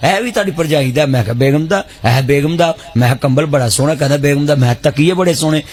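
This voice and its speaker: A man telling a comic story in rapid repeated lines. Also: on the high side, darkish tone. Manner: rapid repetitive list-telling. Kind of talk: stand-up storytelling.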